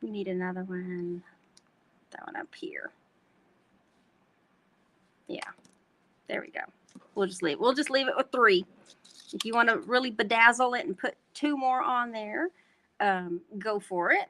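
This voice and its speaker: A woman's voice: a little high, unhurried, long pauses, sharp tone. A woman from North Texas with a Texan twang, hosting a chatty live craft tutorial and talking to her viewers as y'all. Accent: Texan Southern twang. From North Texas, USA. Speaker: host demonstrating card making.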